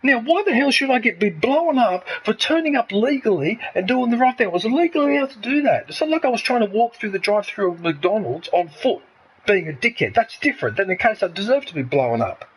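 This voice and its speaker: A man's voice: high voice, big pitch swings, brisk, a little hiss or hum, low-quality recording. A man in his fifties from Australia, ranting angrily and swearing heavily in a casual chat. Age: 50s. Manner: heated, swearing, repetitive ranting. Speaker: streamer.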